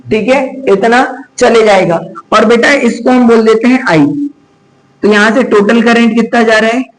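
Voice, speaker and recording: High-voiced male physics teacher. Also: steady tone, moderate pace, low-quality recording. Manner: chatty, scolds and teases students, mixes English terms. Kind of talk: classroom lecture.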